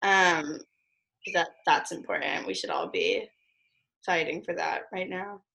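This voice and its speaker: A young woman hosting a casual podcast, chatty and giggly, with a gravelly vocal fry. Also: on the low side, sing-song, measured pace, pushed and bright. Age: young adult. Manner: giggly, chatty with many fillers. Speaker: podcast host.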